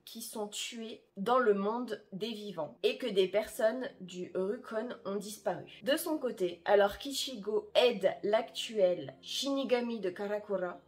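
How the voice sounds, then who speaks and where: Chatty woman presenting anime releases. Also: medium pitch. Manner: chatty and self-deprecating, with frequent "euh" and "entre guillemets". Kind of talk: casual vlog, reading anime summaries.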